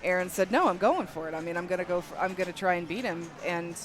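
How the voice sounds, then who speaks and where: Man, color commentator, high voice, easygoing, joking, live tournament commentary. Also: over music. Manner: easygoing, joking, quick short agreements.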